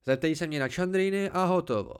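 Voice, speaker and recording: A man's voice: on the high side, smooth, pitched above the performer's own voice, close to an everyday voice. A man voicing an ancient, haughty tree-spirit oracle with a cold, dry, disdainful voice.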